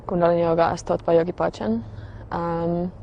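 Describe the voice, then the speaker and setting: Sharing her testimony as a religious convert, a Finnish woman talks softly and haltingly, often pausing and using fillers to find her words. Her voice is fairly low, flat, and marked by vocal fry, and the lo-fi recording carries a faint room hum.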